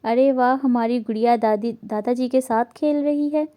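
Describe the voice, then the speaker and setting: A woman's voice: fairly high pitch, dark tone, lightly acted. A woman voicing an older grandmother in a novel reading, doting on her granddaughter. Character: older grandmother, proud, softened.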